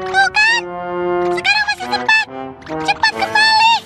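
Casting: tiny toy robot doll, extremely high voice, preachy cartoon nag, music behind. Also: little pitch movement, unhurried. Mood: bossy, nagging. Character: small bossy nagging toy robot doll. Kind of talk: animated cartoon dub. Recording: music bed under dialogue.

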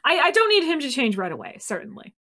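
Woman host, fairly high voice, casual chat, reads passages, laughs a lot. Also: huge pitch swings, quick pace, pushed and bright. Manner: reads quotes with small character voices, laughs often. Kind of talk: casual chat, reading book passages aloud.

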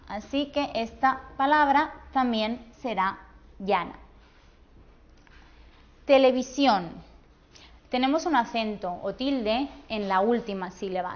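A woman teacher with a Peninsular Spanish accent gives a classroom grammar lesson in a fairly high voice. She draws out each example word slowly and clearly. The sound is dull and lo-fi. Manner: slow, clear, drawn-out pronunciation of example words.

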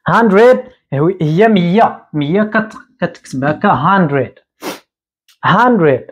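A man in his thirties with a Moroccan Arabic accent, teaching English at a whiteboard and repeating each word slowly. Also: sits high, animated, breathy edge, muffled recording. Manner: explains slowly, repeating words and drawing them out. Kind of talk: whiteboard lesson. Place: small room indoors at a whiteboard.

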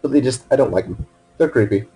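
Alone at his computer in a room with headphones on, a man plays a video game and talks to himself in casual commentary, swearing and erupting into sudden excitement. His medium-pitched voice moves quickly, and the poor audio carries a little hiss or hum.

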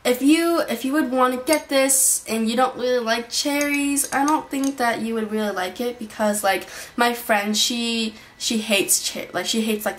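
A young woman with a slightly high, somewhat bright voice talks casually through her monthly beauty favorites, rambling with lots of fillers and restarts. A built-in camera mic at desk distance in her small bedroom picks up slight background noise.

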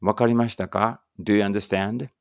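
Slowly and deliberately, a low-voiced, gravelly English teacher reads a Japanese phrase and then its English counterpart, adding relaxed conversational commentary. There is no echo on the recording of this phrase drill.

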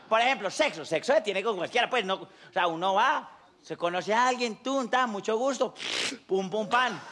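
A Colombian man doing a stand-up comedy set, his voice sitting noticeably high for a man. He talks in loose street slang and keeps slipping into quick acted-out scenes between jokes. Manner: animated, slangy, acting out little scenes.

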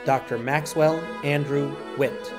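A man calls out graduates' names in a formal roll call, steady and measured, each name given its own moment. Clear music plays underneath him throughout. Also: medium pitch. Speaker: ceremony name reader.

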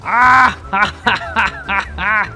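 A man's voice: sits high, steady tone, takes it slowly, pushed and bright, soft background music, exaggerated voice. A man voicing a boastful, reckless middle-aged man who brags, whoops and yelps in a cartoonish game video. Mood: gleeful. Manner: bragging, whooping, yelping.

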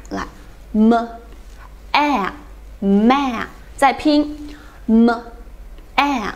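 A woman teaching an English phonics lesson, drilling each sound slowly and often checking with her students. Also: medium pitch.

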